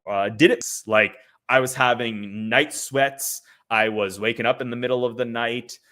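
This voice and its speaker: A man hosts a livestream in a relaxed, chatty way. His voice is bright and forward at an ordinary pitch. He talks loosely, filling gaps with "like" and breaking into laughing asides. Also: moderate pace. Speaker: livestream host. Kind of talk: casual livestream commentary. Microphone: streaming setup.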